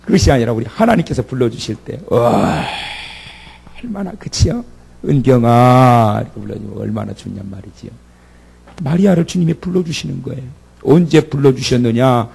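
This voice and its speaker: This is a man delivering a sermon in a deeply gravelly voice with a husky edge. He retells the scene dramatically and gives voice to the speakers in it as he preaches. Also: big pitch swings, brisk, warm tone. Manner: dramatic, acts out the speakers in the story. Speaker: pastor.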